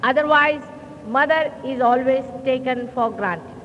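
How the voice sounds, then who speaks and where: A woman giving a slow, deliberate sermon to a hall through a microphone, often clearing her throat, heard on an old 1970s recording. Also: high-pitched, fairly bright tone. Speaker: spiritual teacher. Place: large hall. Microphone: speaking into a hall microphone. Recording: old muffled hall recording with faint hiss.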